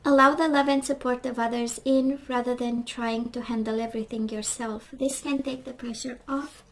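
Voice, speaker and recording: A woman with a voice that is going hoarse, chatting casually through a tarot card reading and often asking "right?". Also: a little high, fairly even intonation, moderate pace, slight background noise, poor audio. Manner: chatty, reflective, frequent "right?" and "we do have". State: losing her voice, clearing throat. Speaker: tarot reader.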